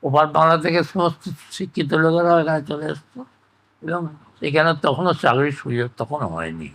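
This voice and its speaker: An older man reminisces and shares opinions in an emphatic, conversational interview style full of rhetorical questions, like an oral-history recollection. His voice sits on the high side and sounds a bit bright, at a moderate pace.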